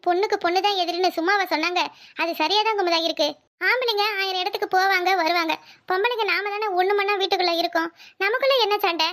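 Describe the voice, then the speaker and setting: A woman voicing a calm, wise village woman in a Tamil cartoon, with a southern Tamil accent, lecturing earnestly. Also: extremely high pitch, quick pace. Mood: earnest advice. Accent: southern Tamil Nadu. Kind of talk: cartoon voice acting.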